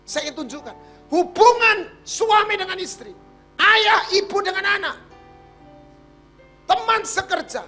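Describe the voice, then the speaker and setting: A man's voice: very high voice, expressive, measured pace, pauses often, bright, forceful tone, faint music behind. A man preaching with an East Javanese accent, telling a jokey story and asking the congregation questions. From Madiun, East Java, Indonesia. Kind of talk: storytelling sermon.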